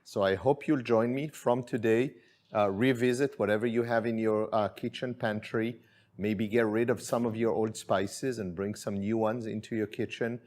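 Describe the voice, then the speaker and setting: A middle-aged Israeli man, a chef who owns a spice company, chats easily while giving a cooking demonstration in his kitchen. His voice is fairly low and moderately paced, and his relaxed, friendly manner comes with plenty of fillers.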